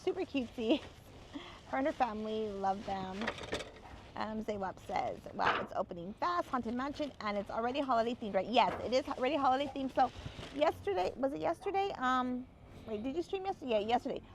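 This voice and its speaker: A woman's voice: fairly high pitch, lively intonation, brisk, background noise. A young woman co-hosting a casual live stream outdoors by a grill, reading viewer comments aloud and greeting each person by name in a bubbly sing-song. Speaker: livestream co-host.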